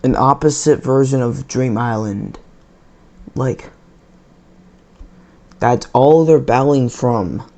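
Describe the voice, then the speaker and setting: A man's voice: mid-range voice, slow pace, long pauses, a little mellow, lo-fi sound. A man reacting to a cartoon episode in a casual, rambling and sarcastic way. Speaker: video reactor.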